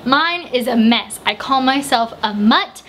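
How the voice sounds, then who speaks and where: A woman's voice: fairly high pitch, animated, a bit bright, slight background noise. Chatty young woman reading viewer questions. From United States. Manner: chatty, quick answers, reads questions aloud. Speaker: book vlogger. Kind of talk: casual Q&A vlog. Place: home room with bookshelves, indoors.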